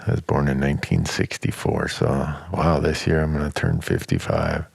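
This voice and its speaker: A man in his fifties, a podcast co-host from Montana, explaining things in a relaxed, matter-of-fact way in casual chat. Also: a bass voice, moderate pace, gravelly, breathy edge, no room sound. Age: 50s.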